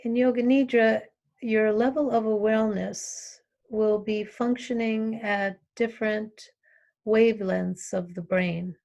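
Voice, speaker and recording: Working as a yoga teacher, a woman guides a relaxation meditation, giving calm, short instructions separated by long pauses. She talks very slowly at a medium pitch, and her voice is creaky. The high frequencies of the recording are cut off.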